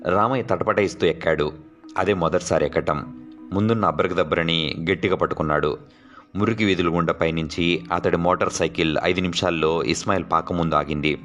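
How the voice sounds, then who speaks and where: A man with a very low voice reads a horror story aloud as a narrator. He carries the characters' dialogue with small shifts of voice, and soft music plays underneath. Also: lo-fi sound. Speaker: audiobook narrator.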